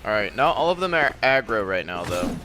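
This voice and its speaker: A man's voice: fairly low pitch, sing-song, brisk, background noise. A man giving casual, sweary gameplay commentary as he plays a video game. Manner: casual, profane.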